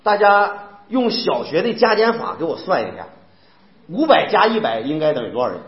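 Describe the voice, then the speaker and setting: A high-voiced male preacher with a Northeastern Mandarin accent, his pitch swinging widely as he drives home point after point with rhetorical questions. The sermon rings through an echoey church hall, captured on a dull, lo-fi recording. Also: very animated, normal speed. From Northeast China. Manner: emphatic, fires rhetorical questions at the congregation.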